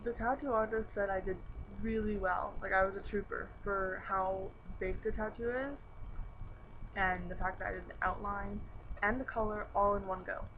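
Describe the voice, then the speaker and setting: A woman's voice: medium pitch, fairly even intonation, normal speed. Muffled, noisy vlog, young woman wearing a retainer. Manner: slightly impeded speech from wearing a dental retainer. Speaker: vlogger. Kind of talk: casual chat to camera. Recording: noisy, dull narrow-band home recording.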